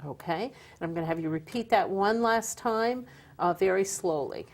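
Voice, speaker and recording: A woman's voice: mid-range voice, normal speed. A woman hosting an interview, summarizing and closing with a promotional sign-off. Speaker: host.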